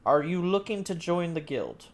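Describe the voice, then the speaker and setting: A man's voice: fairly high pitch, very animated, moderate pace, pitched above the performer's own voice. A man doing a blunt one-legged guild clerk. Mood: businesslike. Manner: blunt, matter-of-fact, swears casually. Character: gruff one-legged retired adventurer, male guild clerk.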